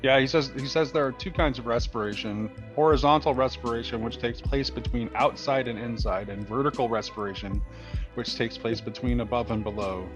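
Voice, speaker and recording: A man's voice: medium pitch, fairly quick. A man in a conversational discussion, reading passages aloud and explaining them. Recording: dull lo-fi sound, music behind. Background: music.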